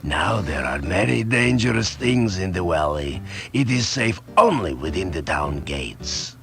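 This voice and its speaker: An actor playing a stern, brusque townsman in a video game, gravelly and formal as he gives curt warnings. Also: sits low, very animated, unhurried, fairly bright tone, faint music behind, full character voice. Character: stern male townsman of a monster-plagued valley, brusque. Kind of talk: video game character dialogue.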